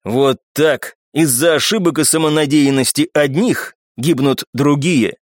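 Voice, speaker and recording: A man voicing a stern army captain who speaks slowly and lectures with contempt. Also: a little high, no echo, clean studio sound, close to an everyday voice. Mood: grave. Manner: slow, measured, lecturing.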